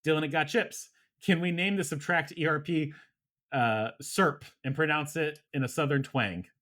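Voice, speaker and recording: A man's voice: a little high, normal speed, fairly bright tone. A man co-hosting a podcast in casual chat, laid-back, laughing often and trailing off with fillers. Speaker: podcast co-host.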